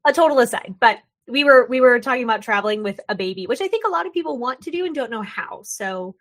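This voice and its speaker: A young woman hosting a podcast, chatty and animated, drifting into tangents and acting out quick voices. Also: fairly high pitch. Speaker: podcast host. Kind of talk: casual podcast conversation.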